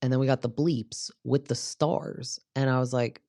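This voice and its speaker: A woman's voice: a bass voice, fairly even intonation, normal speed, dark tone, dry recording, studio quality. Chatty woman recapping reality TV. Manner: chatty and opinionated, full of "like" fillers. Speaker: podcast host.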